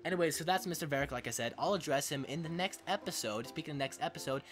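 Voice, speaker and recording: A man's voice: a little high, quick pace, fairly bright tone, soft background music. A man hosting a let's play, joking and rambling in casual commentary.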